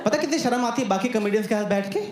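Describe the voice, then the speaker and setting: A man's voice: very high-pitched, very fast. A man with a slight lisp performing a self-mocking stand-up comedy set on stage. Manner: self-mocking, animated storytelling. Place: comedy club stage, roomy hall. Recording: roomy stage recording with loud crowd. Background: loud audience laughter.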